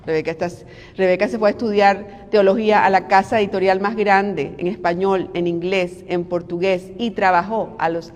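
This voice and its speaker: A middle-aged woman giving a devotional sermon in an animated, conversational way, full of rhetorical questions. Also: on the low side, a little hiss or hum. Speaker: preacher and devotional host. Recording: long hall reverb.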